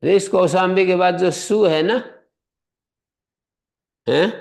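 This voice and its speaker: A man with a heavily gravelly, fry-laden voice that sits a little high for a man. He teaches a grammar class and works through the rules patiently, step by step. He keeps quizzing his students and urges them to speak up. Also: fairly even intonation, slow, darkish tone. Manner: quizzes students, presses them to answer aloud. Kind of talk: classroom lesson.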